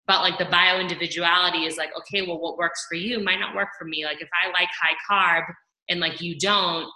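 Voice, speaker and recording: Woman rambling with tons of "like", really bright sharp voice, echoey room. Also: fairly low pitch, fairly even intonation, fairly quick. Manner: rambling, filler-heavy. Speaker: coaching client. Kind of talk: casual chat.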